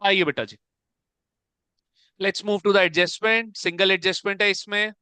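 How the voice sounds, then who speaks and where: Male teacher, high and bright, crisp delivery, calls students "beta", keeps checking they follow, live classroom. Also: fairly even intonation, slow pace, no room sound. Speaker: accounts teacher. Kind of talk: classroom lecture.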